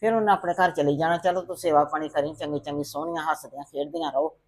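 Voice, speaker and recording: A woman playing a patient, soothing mother-in-law in a family drama who keeps advising calmly. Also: sits low, fast, breathy edge. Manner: calm, soothing, calls her "son".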